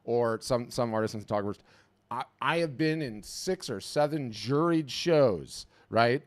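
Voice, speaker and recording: A man hosting an online webinar, coaching artists in a casual, energetic way and often repeating words as he starts a thought. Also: medium pitch, measured pace. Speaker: webinar host.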